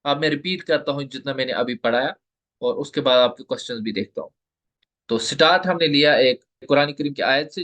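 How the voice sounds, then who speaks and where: A man giving an online tajweed lesson, explaining step by step and slowly repeating the letter sounds for his students. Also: medium pitch, fairly bright tone. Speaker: Quran recitation teacher.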